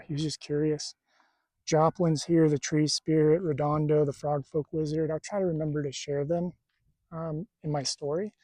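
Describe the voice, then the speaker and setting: A man talking casually to camera at a desert campsite, halting and stuttering, with a tight, strained throat. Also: on the high side, mellow, no room sound. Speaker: spiritual vlogger.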